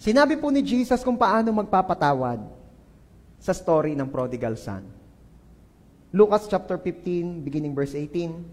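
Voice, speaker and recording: A high-pitched man preaching from the pulpit. His delivery is animated and theatrical, acting out the people he describes. The sound carries a long hall echo. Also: moderate pace, pauses often. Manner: animated preaching, acts out quoted people, mixes English into Tagalog. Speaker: pastor. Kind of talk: sermon. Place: church.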